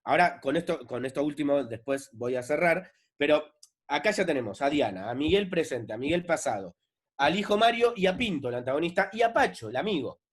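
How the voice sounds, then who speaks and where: A man with an Argentine accent, a film director giving a masterclass in a relaxed, conversational way with frequent fillers. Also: a little high, fairly quick. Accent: Argentine Spanish. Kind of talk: explanatory lecture.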